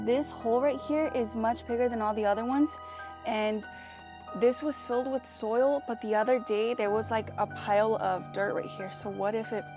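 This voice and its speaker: A young woman with a high voice vlogs outdoors in her garden. She speaks straight to her viewers, jittery and anxious, and keeps repeating herself. Music plays clearly behind her. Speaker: gardening vlogger. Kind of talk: casual vlog talking to viewers.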